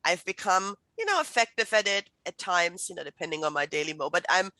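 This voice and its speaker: Brisk and sharp-toned, with lively intonation and a fairly low pitch, a middle-aged woman from Germany teaches a chatty online writing workshop. The native German speaker and writing instructor uses many fillers and restarts, speaking over a video call with no echo.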